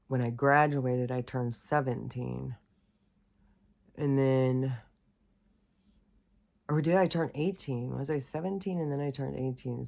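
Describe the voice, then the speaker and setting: With a rumbling low, darkish voice and vocal fry, a middle-aged woman from the United States hosts a casual monologue. She rambles candidly through a personal story, full of fillers and corrections of herself.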